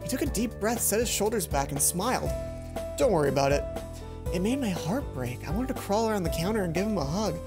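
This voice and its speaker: A young adult man hosts a let's play, reading visual novel narration aloud with casual commentary in a high-pitched, animated voice. He talks fast with few pauses, and faint game music plays behind him.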